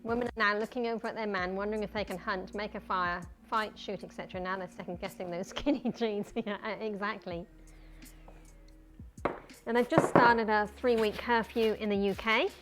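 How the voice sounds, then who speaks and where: A woman's voice: mid-range voice, steady tone, normal speed. A woman with a broad New Zealand accent chatting casually and colloquially as she hosts a cooking livestream, in a jokey way. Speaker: livestream host.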